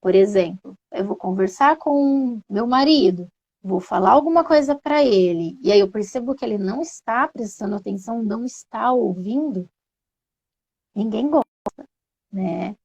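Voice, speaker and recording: A woman's voice: mid-range voice, animated, moderate pace, a little mellow, husky, highs cut off. A woman giving patient, reassuring parenting advice in an informal live stream, often asking her listeners rhetorical questions. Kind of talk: informal explanatory talk on an Instagram live. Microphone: phone on a social media live stream.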